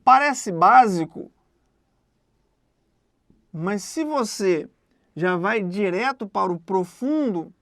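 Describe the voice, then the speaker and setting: A woman teaching an exam-prep grammar lesson in a conversational way, often checking in with quick questions. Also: medium pitch, lively intonation, dry recording, clean studio sound.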